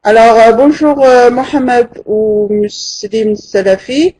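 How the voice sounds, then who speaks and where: A teacher giving a live online language lesson, patient and hesitant, with frequent pauses. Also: mid-range voice, warm tone, slightly rough. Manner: counts syllables aloud, slowly and deliberately. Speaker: French teacher.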